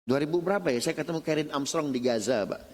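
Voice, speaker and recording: A middle-aged Indonesian man giving a casual religious lecture at a mosque, telling lively stories and addressing his listeners directly. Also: fairly high pitch, quick pace. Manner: animated storytelling, often addressing listeners as "Pak". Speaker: lecturer at a mosque study session. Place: mosque hall. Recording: long reverb of a mosque hall.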